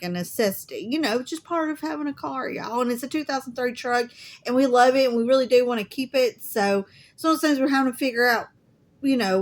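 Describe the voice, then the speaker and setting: Middle-aged Southern woman vlogger, chatty and folksy, slightly raised pitch, asthmatic cough. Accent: Southern US (Alabama). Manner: chatty, folksy, says y'all often. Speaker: crafting vlogger. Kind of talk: casual chat to viewers.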